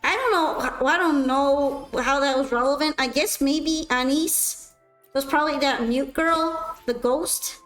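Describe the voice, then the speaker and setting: A woman's voice: sits high, measured pace, fairly bright tone, faint music behind, rough recording. A woman streamer chatting casually with her viewers while playing, self-mocking and answering questions. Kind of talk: casual chat while gaming.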